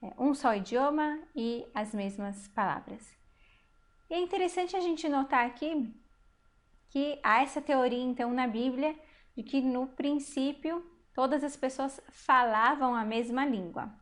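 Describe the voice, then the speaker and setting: A woman with a high voice leads a recorded online language lesson. She explains patiently and step by step, stopping to ask the learner questions. She sounds out each new word slowly and carefully. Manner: sounds out Hebrew words slowly. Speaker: Hebrew teacher.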